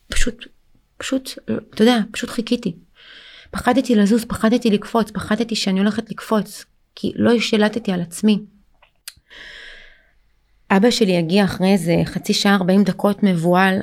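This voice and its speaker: A young woman speaking as an interview guest, telling a painful personal story in halting speech full of fillers and restarts. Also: mid-range voice, gravelly, darkish tone. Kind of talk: emotional personal testimony.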